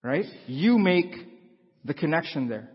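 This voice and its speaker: Husky preacher in a reverberant hall. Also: male voice, on the high side, animated, measured pace. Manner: conversational, asks the congregation questions. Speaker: pastor. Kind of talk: sermon. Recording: dull lo-fi sound with long hall reverb.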